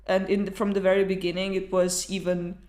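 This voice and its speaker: A woman's voice: mid-range voice, level tone, a little fast, a little mellow. A woman co-hosting a casual, informal film discussion, swearing now and then. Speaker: podcast co-host. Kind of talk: casual chat about films. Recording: roomy echo.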